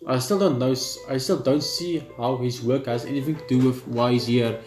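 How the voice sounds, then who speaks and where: At normal speed and with a little mellowness, a man with a mid-range voice reads a visual novel aloud for a let's play, now and then stumbling and rereading. Asides punctuate the narration. Video game music sounds behind a roomy echo.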